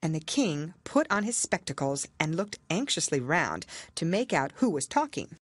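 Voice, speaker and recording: Female audiobook narrator: lowish, animated storybook delivery, very dry sound. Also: moderate pace, dry recording. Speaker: audiobook reader. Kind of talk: expressive scripted storybook narration.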